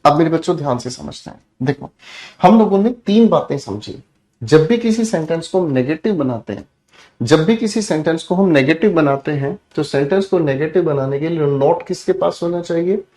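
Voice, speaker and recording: A man's voice: fairly high pitch, lively intonation, normal speed, a little mellow. A man with a Hindi accent teaching English grammar online, talking affectionately to his students and dropping in playful asides. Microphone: headset or studio mic.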